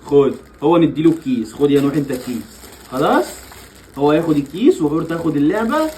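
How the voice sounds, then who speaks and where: A man's voice: a little high, lively intonation, fast, warm tone, slight background noise, poor audio. A young father with an Egyptian accent playfully coaxing his small children in a family vlog, laughing often. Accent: Egyptian Arabic. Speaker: father and vlogger.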